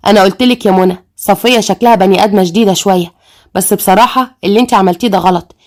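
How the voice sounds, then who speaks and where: A woman voicing a calm, patient middle-aged stepmother in an Egyptian accent, speaking in a soothing, measured way. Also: medium pitch, lightly acted.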